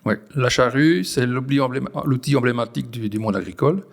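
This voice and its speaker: A man in his forties with a Belgian French accent, a farmer explaining his work in an interview, pausing and restarting often. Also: mid-range voice, vocal fry. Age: 40s. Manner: hesitant, many restarts and fillers. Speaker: farmer, guest. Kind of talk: conversational interview.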